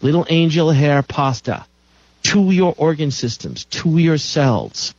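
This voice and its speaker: A man's voice: a little high, big pitch swings, slow pace, darkish tone, no echo, highs cut off. A man hosting a call-in radio show, lecturing in an emphatic way and repeating phrases for stress.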